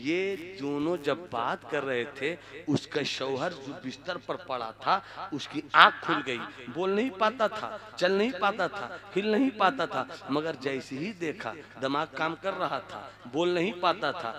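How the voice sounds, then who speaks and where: A man preaching a dramatic sermon, telling a story with swings from hushed to loud. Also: on the high side, animated, unhurried. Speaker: Islamic preacher. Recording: live crowd behind. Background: crowd.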